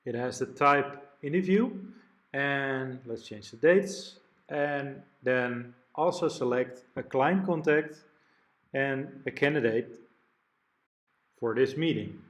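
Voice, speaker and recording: Walking through a software product one step at a time, a man explains things plainly at a mid-level pitch. Every so often he trips over a word and starts it again.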